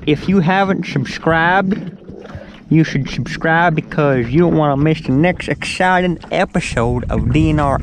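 Chatting casually while fishing from a boat on a lake, this Southern-accented show host has a fairly high, gravelly voice, with a little hiss or hum in the audio. He's folksy and joking, calling his buddy "son".

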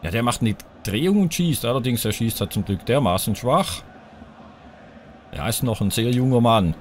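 A gaming YouTuber commentates live on his own football video game at normal speed, his pitch leaping up and falling as play swings back and forth. Excitable, he groans and cheers loudly at each chance and near miss and addresses viewers directly. A faint hiss lies beneath his voice.

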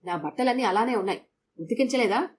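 A woman's voice: a little high, fast, a little hiss or hum, close to an everyday voice. A woman reading a bitter complaining husband. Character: regretful complaining husband, man.

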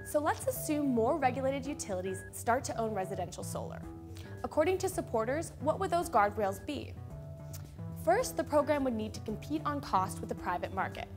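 Young woman, studio host, scripted explainer, clear upbeat delivery, slightly high voice, lapel mic, music underneath. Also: sing-song, normal speed. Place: studio with a plain gray backdrop.

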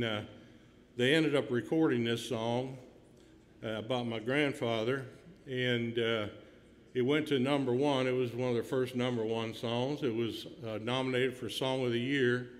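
A man's voice: mid-range voice, slight background noise. A man, a singer-songwriter, telling an easygoing, chatty story to his listeners between songs at a live show. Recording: long reverb with loud guitar music. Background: guitar playing.

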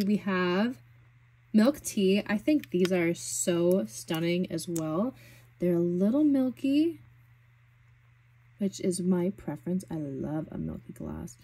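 Breathy young woman gushing over makeup. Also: mid-range voice, a little mellow. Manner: gushing, enthusiastic, chatty with many fillers. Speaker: beauty vlogger. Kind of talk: casual product swatching chat.

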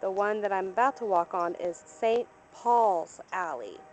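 A woman gives a walking-tour commentary outdoors, pointing things out as she strolls through a cemetery. Her voice sits at an ordinary pitch, picked up by a handheld camera mic. A faint outdoor ambience hums underneath. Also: unhurried, slight background noise, low-quality recording. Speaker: travel vlogger. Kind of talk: on-location guided tour narration.

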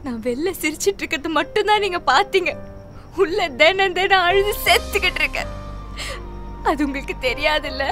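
Woman playing a high-voiced, distraught pregnant wife. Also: normal speed, close to an everyday voice. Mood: tearful. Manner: tearful, accusing, shouts when pushed. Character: distraught young pregnant wife demanding the truth. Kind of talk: Tamil web series drama, dubbed. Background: film score music.

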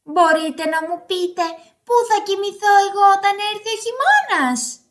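A woman voicing a small, fussy hedgehog in a storybook, whimpering in a high, quick voice. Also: sing-song, sharp tone, full character voice. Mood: upset. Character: small fussy hedgehog, whiny and easily upset. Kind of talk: storybook character voice.

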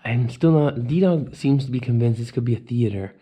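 Inside a fire-damaged abandoned house, a man in his thirties walks through with his handheld camera, chatting to viewers in a casual exploration vlog. His mid-range voice is mellow and husky, moving at a normal speed.

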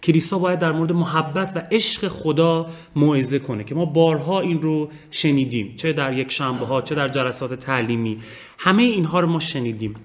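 A man preaching a sermon, earnest and emphatic, repeating phrases and addressing his listeners directly. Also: on the high side.

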